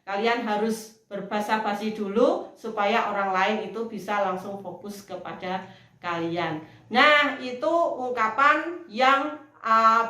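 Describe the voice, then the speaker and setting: A woman teacher, explaining slowly in a recorded lesson and acting out model phrases in a loud, high voice. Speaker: English teacher. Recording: echoey room.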